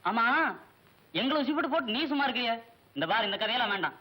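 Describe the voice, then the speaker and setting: A man's voice: very high-pitched, expressive, fast talker, pushed and bright, heavily acted, poor audio. An actor playing a young man who pushes his friend around in an old film comedy. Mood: teasing. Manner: pushy, needling. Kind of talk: 1980s film comedy acting.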